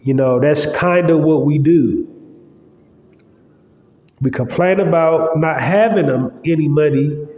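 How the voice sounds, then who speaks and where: With a congested nose, a man hosts his own podcast alone, chatting in a loose, wandering way full of fillers. His voice sits on the high side and moves slowly with long pauses, captured in a roomy space with long echo and slightly dull sound.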